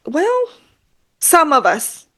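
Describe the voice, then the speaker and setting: A woman co-hosting a podcast in casual, animated chat, using a lot of filler words. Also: high voice, extremely slow. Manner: animated, chatty, heavy use of filler words. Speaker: podcast co-host.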